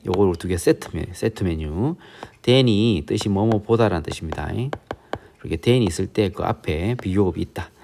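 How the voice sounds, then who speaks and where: A man's voice: low voice, expressive, moderate pace, creaky, dark tone, a little hiss or hum. A male English teacher with a Busan accent, giving a grammar lesson step by step and often checking in with the students.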